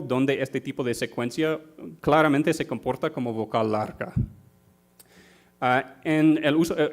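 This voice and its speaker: A man giving an academic conference talk in a university auditorium, speaking carefully with frequent fillers and self-corrections. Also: medium pitch.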